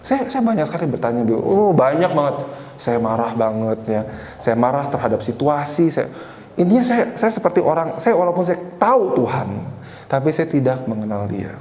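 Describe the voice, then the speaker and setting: In an echoey church hall with faint background noise, a man in his twenties preaches a conversational sermon, sharing a personal story and often turning to the congregation. His voice is medium-pitched and darkish, very animated, and delivered at a normal pace.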